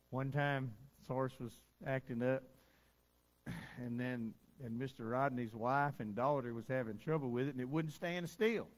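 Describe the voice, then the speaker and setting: A man's voice: mid-range voice, measured pace. A middle-aged man, preaching in a down-home, conversational way during a church service, telling stories with little chuckles. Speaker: pastor. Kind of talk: folksy sermon storytelling.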